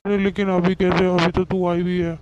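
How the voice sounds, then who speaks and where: A man's voice: sits high, little pitch movement, normal speed, noisy background, lightly acted. A man voicing a blunt elder brother, lo-fi. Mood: remorseful. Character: Indian elder brother, gruff then remorseful. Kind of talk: cartoon voice acting. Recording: dull lo-fi sound. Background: background music.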